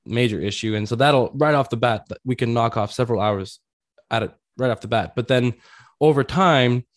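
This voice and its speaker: Male coach as interview guest, mid-pitched, tidy step-by-step explanations, very dry recording. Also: fairly quick, no room sound.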